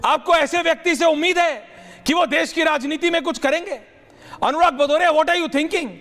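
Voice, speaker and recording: A woman anchoring a heated TV debate, forceful and combative, dropping English phrases into her talk. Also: extremely high pitch, moderate pace.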